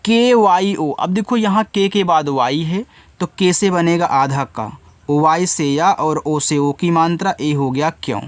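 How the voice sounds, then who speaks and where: A man's voice: a little high, unhurried, dry recording. A man teaching English spelling in Hindi, who spells each word out letter by letter and then patiently explains how every sound is read.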